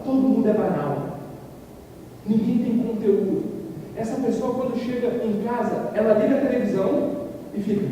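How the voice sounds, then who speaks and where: Brief: animated male speaker, dark mellow tone, heard from far off in a reverberant hall. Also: very high-pitched, slight background noise. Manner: animated, acts out quoted voices loudly. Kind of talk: talk to a live audience. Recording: echoey hall, far from the mic.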